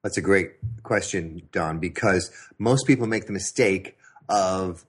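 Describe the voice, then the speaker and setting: A low-pitched man with a husky, slightly breathy voice explains how founders should pitch investors. His delivery is energetic and emphatic as he stacks up examples as an interview guest. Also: measured pace. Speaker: pitch coach for entrepreneurs.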